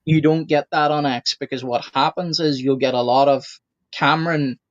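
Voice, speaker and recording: A man's voice: a little high, steady tone, no echo, muffled recording. Frank male co-host on dry call audio. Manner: frank, opinionated, deliberate. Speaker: podcast co-host. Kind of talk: casual discussion.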